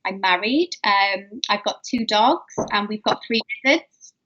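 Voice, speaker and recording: A woman's voice: medium pitch, measured pace, sharp tone. A middle-aged woman with a South Wales valleys accent, chatting casually as an interview guest over lo-fi audio. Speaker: podcast guest, dance teacher and coach. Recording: dull lo-fi call audio.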